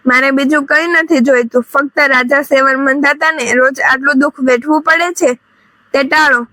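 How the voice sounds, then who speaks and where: A woman voicing a noble, kindly male king in a folk story, speaking calmly and respectfully. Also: high voice, moderate pace, no room sound.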